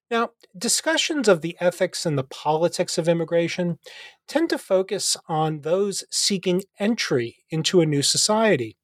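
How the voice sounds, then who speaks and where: A male philosophy professor hosting a book interview podcast, reading a measured introduction and then asking articulate questions. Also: sits high, no echo, studio quality.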